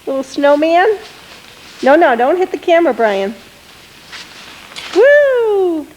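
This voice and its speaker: A woman with a very high but darkish voice, swinging widely in pitch and speaking slowly, narrates a snowy home video of her children and encourages them to wave. She's recording on an old handheld camcorder whose built-in mic yields low-quality sound with faint hiss.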